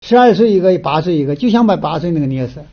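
A man from Northeast China with a Northeastern Mandarin accent, giving a folksy moral lecture in an animated storytelling way, often restarting with fillers. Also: a little high, quick pace. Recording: dull lo-fi recording.

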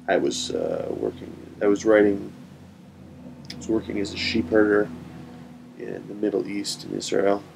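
A drunk young man rambles to his webcam in a gravelly, fry-heavy voice. His pitch swings around a lot as he meanders between long pauses. The laptop recording has a faint noise behind him. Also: a little mellow, rough recording. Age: young adult. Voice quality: gravelly, creaky. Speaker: vlogger. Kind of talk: rambling casual webcam vlog. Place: small wood-panelled room, indoors. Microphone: built-in webcam laptop microphone. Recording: faint noise, low rumble.

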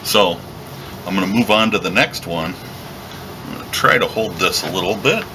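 A very deep-voiced man talks through a leathercraft job in a calm, step-by-step way as he works. He is recorded at his workshop bench, with a steady air conditioning hum clearly audible behind him. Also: moderate pace. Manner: relaxed, step-by-step explaining while working. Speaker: leatherworking instructor. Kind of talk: hands-on craft tutorial.

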